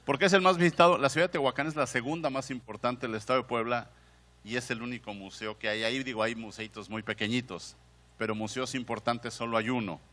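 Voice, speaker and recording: A museum director with a Mexican Spanish accent gives a conversational conference lecture, posing questions to the audience and often restarting his phrases. His mid-range voice is steady, quick, and a bit bright, and a long hall reverb fills the recording.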